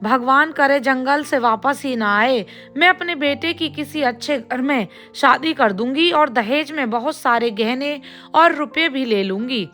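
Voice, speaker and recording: A harsh, greedy mother-in-law, as a woman storyteller puts her on, scolds and schemes in a high, unhurried voice. Her lines come from a storybook tale. Faint music plays underneath. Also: a bit bright. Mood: scheming. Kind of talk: storybook voice acting.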